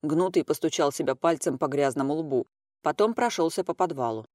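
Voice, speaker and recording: Audiobook narrator, male, dry close-miked read, animated character lines. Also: a little fast, dry recording. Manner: lively reading, raises pitch and volume for characters' lines. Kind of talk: scripted narration of a novel with acted dialogue.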